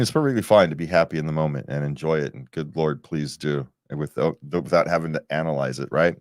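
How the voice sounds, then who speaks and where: Very deep-voiced rambling male host. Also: darkish tone, dry recording, clean studio sound. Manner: rambling, self-deprecating, chuckling. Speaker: podcast host. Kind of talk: casual podcast talk.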